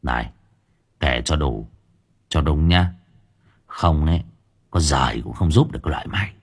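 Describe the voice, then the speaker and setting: A man's voice: rumbling low, moderate pace, breathy edge, voice pushed down, exaggerated voice. Man voicing a sly domineering young exorcist. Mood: mocking. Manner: sweet-talking then threatening, teasing.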